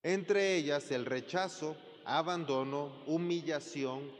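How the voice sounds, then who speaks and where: Slow-preaching pastor in a reverberant hall. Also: male voice, on the high side, slight background noise. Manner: animated, acts out quoted voices, rhetorical questions to the congregation. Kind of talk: sermon. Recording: long reverb of a large hall.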